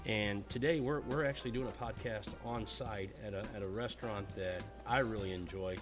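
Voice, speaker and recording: A man's voice: on the low side, moderate pace, music in the background. A man hosting a podcast interview on location at a restaurant, talking in a chatty, rambling, enthusiastic way. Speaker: podcast host.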